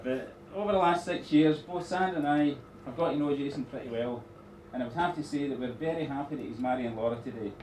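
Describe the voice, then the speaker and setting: A middle-aged man giving an informal wedding speech as father of the bride, rambling a little with pauses and dry teasing asides. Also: medium pitch, a little mellow. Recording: echoey room, distant mic, noisy background.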